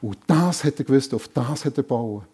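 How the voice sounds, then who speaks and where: Guy preaching, earnest, says stuff twice for weight, warm low-key voice. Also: moderate pace, slightly rough. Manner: earnest, repeats key phrases for emphasis. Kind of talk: sermon.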